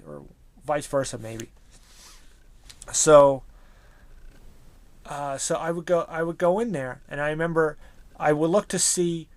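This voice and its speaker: A man's voice: a little high, no echo. A man in his thirties, a toy collector, reminiscing casually in a rambling way with many restarts.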